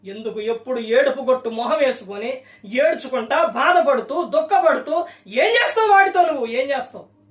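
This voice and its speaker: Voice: high voice, expressive, moderate pace, fairly bright tone, echoey room, distant mic. A preacher giving a sermon, firing rhetorical questions at the listener.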